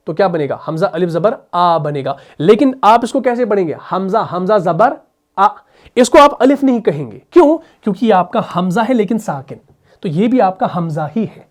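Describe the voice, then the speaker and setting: A male teacher explains recitation rules at a measured pace. He keeps asking rhetorical questions and answers them himself, and he slows right down to repeat sounds for his students. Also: high-pitched. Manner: drills sounds by slow repetition. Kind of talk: explanatory tajweed lesson.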